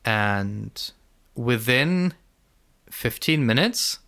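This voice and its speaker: A man's voice: medium pitch, lively intonation, very slow, vocal fry, bright, forceful tone. A man co-hosting a casual podcast, rambling and repeating words as he thinks aloud. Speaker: podcast co-host. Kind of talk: casual conversational podcast chat.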